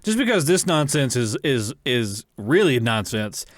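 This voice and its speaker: A man's voice: mid-range voice, big pitch swings, unhurried, dry recording. A man co-hosting a podcast, chatting casually in a blunt, profane, joking way. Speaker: podcast co-host. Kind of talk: casual chat.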